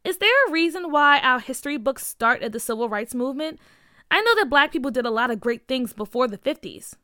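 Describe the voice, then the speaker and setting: A woman's voice: high-pitched, sing-song, brisk, sharp tone, dry recording, studio quality, exaggerated voice. A woman voicing an earnest, outspoken schoolgirl. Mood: insistent. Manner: questioning, insistent.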